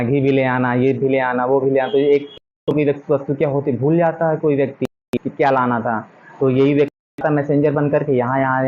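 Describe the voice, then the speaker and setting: A man's voice: mid-range voice, a little mellow. Man lecturing a class, dull lo-fi sound. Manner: mixes English textbook phrases into casual Hindi explanation, many rhetorical questions. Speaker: teacher. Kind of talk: classroom lecture explaining a textbook. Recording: dull lo-fi recording.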